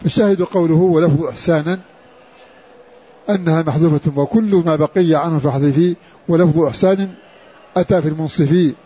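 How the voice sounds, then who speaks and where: A man teaching a slow, scholarly lesson on Quran orthography. He speaks in a measured way and repeats key words for emphasis. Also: on the high side, warm tone, husky. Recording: dull lo-fi recording.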